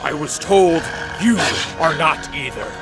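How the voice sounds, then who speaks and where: A man's voice: on the high side, lively intonation, unhurried, loud music behind the voice. An actor playing a solemn, wary vampire count in a radio drama, earnest and formal in his wording. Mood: pleading, earnest. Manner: formal, stiff wording, dry grumbling.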